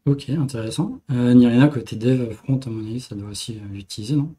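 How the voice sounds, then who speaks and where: A man's voice: medium pitch, brisk, warm tone, a little hiss or hum. A man hosting a casual tech podcast panel, asking questions and passing the turn to each guest. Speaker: podcast host.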